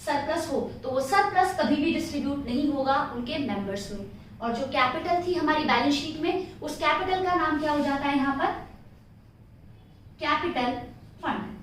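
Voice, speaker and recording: Indian woman teacher, high voice, self-answering lecture style, faint background hiss. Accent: Indian English. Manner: explains step by step, asks questions and answers them herself. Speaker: accounting teacher. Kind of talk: classroom lecture. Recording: echoey room, distant from mic.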